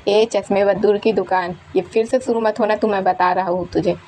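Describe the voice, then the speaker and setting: A woman voicing a rude, quick-tempered young man who mocks and bosses others in a retold fan story. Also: medium pitch, fairly even intonation, darkish tone, slight background noise, close to an everyday voice. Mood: mocking. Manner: taunting, bossy retorts.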